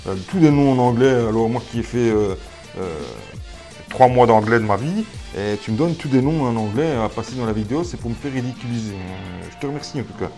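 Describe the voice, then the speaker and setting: A man's voice: medium pitch, brisk, dark tone, faint music behind. A man from Belgium, chatting casually to camera about his seeds, full of fillers and restarts and self-mocking asides. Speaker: gardening YouTuber. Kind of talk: casual vlog talk to camera.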